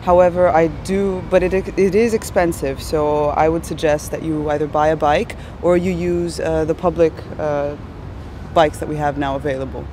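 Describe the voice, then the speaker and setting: A woman from Brazil, a PhD candidate, speaking haltingly in an interview with frequent hesitations. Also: deep voice, steady tone, dark tone, a little hiss or hum. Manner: halting, with many "uh" pauses. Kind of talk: interview testimonial.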